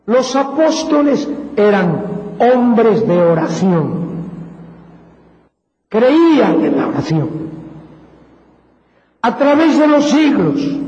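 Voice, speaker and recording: A man from Spain with a Castilian Spanish accent, preaching a sermon in a fervent, slow and deliberate way that climbs to emphatic peaks. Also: on the high side, warm tone, slight background noise. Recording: echoey hall, dull lo-fi sound.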